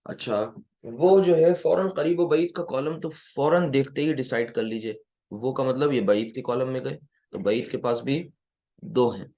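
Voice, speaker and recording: Guy teaching a grammar class, asks questions a lot, says the key words slow and twice. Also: mid-range voice, dark tone. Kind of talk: classroom lecture.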